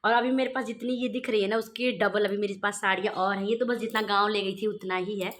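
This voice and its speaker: A woman's voice: medium pitch, steady tone, fast, fairly bright tone. A young woman, a mother, chatting casually to viewers in a home vlog, rambling and speaking straight to her audience. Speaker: vlogger and mother. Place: at home indoors.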